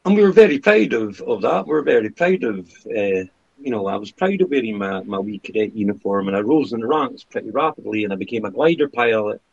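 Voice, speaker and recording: Gravelly middle-aged Highland Scottish man. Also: animated, a little fast, darkish tone. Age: 50s. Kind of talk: casual conversational talk and personal storytelling. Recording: dull lo-fi sound.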